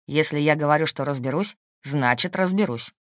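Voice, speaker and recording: A woman reading an audiobook, voicing a calm, shrewd and protective husband in a steady, dry, matter-of-fact way. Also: low-pitched, normal speed, dry recording, pitched below the performer's own voice, natural voice. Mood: calm, firm. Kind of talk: audiobook character voice.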